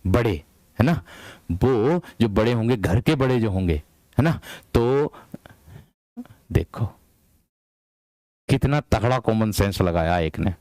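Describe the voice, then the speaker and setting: A young man leads an online grammar class in a firm, slightly hard voice pitched a little low. He talks slowly, stretches his words and repeats phrases as he explains. The sound is close and dry, with almost no room echo. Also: lively intonation, a little mellow. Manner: repeats phrases, addresses students as "my brave one"; deliberately slow, drawn-out delivery. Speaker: Hindi teacher for police exam prep. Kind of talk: live online class, casual teaching.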